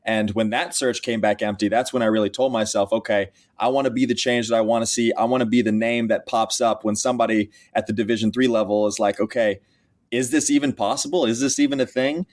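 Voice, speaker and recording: A young man in his twenties from Texas, a college football player who is the guest on a podcast. His voice sits at an ordinary middle pitch, and he tells his story earnestly, stopping to restart his sentences now and then. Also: steady tone, fairly quick, a little mellow. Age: 20s. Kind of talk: podcast interview.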